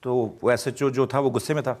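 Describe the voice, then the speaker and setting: A young man from Punjab, telling animated anecdotes as an interview guest and acting out the people in them. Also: medium pitch, a little fast. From Punjab, India. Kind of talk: storytelling answers in a TV interview.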